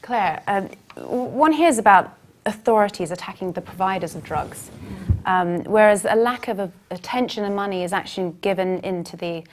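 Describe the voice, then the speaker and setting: A woman's voice: mid-range voice, animated, moderate pace, noisy background. Woman host moderating a panel.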